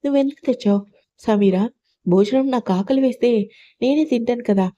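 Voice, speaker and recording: A woman's voice: a little high, fairly quick, natural voice. A woman voicing a bitter, suspicious older mother-in-law who rebukes her daughter-in-law, on a dull lo-fi recording. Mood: indignant. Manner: accusing, sharp rebukes.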